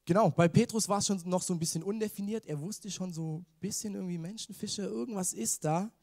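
Man, preacher, slightly high voice, casual sermon, chatty, asks the listeners questions, English slang mixed in. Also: fast, gravelly, darkish tone. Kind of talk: informal youth sermon.

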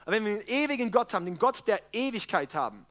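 A man's voice: high-pitched, big pitch swings, fast, fairly bright tone. A male pastor giving a casual, chatty sermon, often checking in with "ja?" and laughing at his own jokes.

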